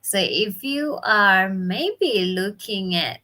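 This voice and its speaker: Bright-voiced Indonesian woman, unhurried live chat. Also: medium pitch, lively intonation. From Bali, Indonesia. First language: Balinese or Indonesian, not English. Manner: chatty, with frequent fillers and broken English. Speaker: livestream host and business mentor. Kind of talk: casual live stream chat. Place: home. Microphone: phone or webcam live stream.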